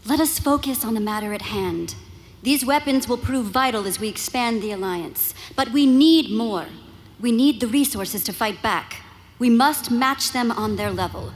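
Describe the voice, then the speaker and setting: An actress playing a commanding young princess who leads rebels in a live audio drama, authoritative and earnest. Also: female voice, fairly high pitch, moderate pace, natural voice.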